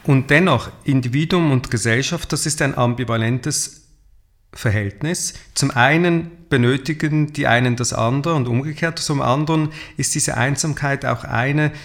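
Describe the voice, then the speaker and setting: A man's voice: medium pitch, normal speed. A man interviewing a guest in a reflective, philosophical conversation, formally summarizing and posing questions.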